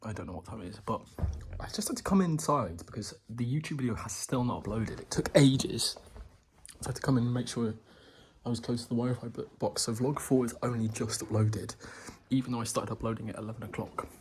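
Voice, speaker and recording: Speaking a little fast, this twenties-aged vlogger has a mid-range, slightly mellow voice, with slight background noise. He chats casually into a handheld phone around his grandparents' house and garden, rambling and often starting sentences over.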